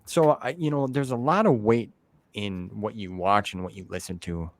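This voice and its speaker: An interview host with a fairly low voice chats at a moderate pace in a casual conversational interview. His talk is informal and rambling, sprinkled with slang like "man" and "dude".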